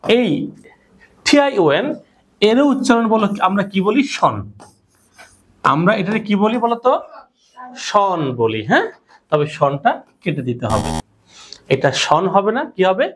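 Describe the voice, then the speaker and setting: A woman's voice: medium pitch, big pitch swings, unhurried, long pauses, husky. A woman teaching pronunciation in class, drilling her students with repeated questions and call-and-response. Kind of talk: classroom lesson.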